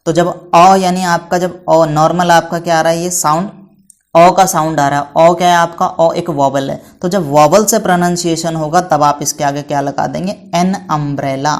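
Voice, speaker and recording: A man's voice: fairly high pitch, steady tone, moderate pace. A man teaching English to children in a patient classroom style, asking questions and answering them himself and spelling words out letter by letter. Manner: calls students "beta" affectionately.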